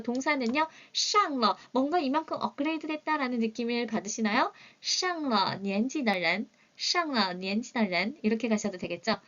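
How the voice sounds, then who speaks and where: A woman teaching Chinese vocabulary in an online lesson, drilling words slowly for learners to repeat. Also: sits high, a bit bright, highs cut off.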